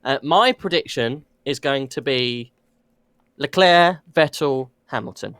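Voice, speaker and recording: A man's voice: medium pitch, takes it slowly, a bit bright, clean tone, no echo. A man co-hosting a casual racing podcast, jokey and playful, swearing now and then. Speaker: podcast co-host.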